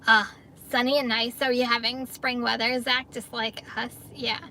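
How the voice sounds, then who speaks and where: Livestreaming from her parked car, a middle-aged gig delivery driver from the New York area reads out viewers' comments in an upbeat, casual chat, laughing frequently. Her voice sits on the high side, level and sharp at normal speed, with a little hiss or hum.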